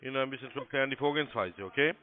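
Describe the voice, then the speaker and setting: Speaking very fast in a medium-pitched voice, this man in his thirties works as a call-centre agent. He gives courteous, formal step-by-step guidance and spells details out, all over narrow phone-line audio.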